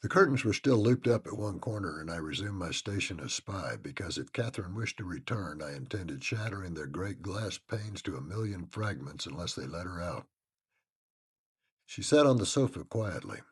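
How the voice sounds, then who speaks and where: Husky-voiced man reading a classic novel. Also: low voice, normal speed. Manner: expressive first-person narration. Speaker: audiobook reader.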